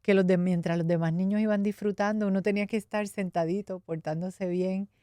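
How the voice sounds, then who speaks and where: A woman's voice: medium pitch, steady tone, a little fast, warm tone, clear, resonant tone, dry recording, clean studio sound. A middle-aged Puerto Rican woman with a Puerto Rican accent, telling her life story in a candid, reflective way during an interview. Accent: Puerto Rican Spanish. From Puerto Rico. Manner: candid, reflective, laughs now and then. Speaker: interview guest. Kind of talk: personal testimony in conversation.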